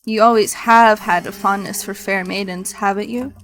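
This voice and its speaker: A woman's voice: mid-range voice, fairly even intonation, moderate pace, a bit bright, soft background music. A woman streamer reading a visual novel aloud in literary narration, with playful casual asides.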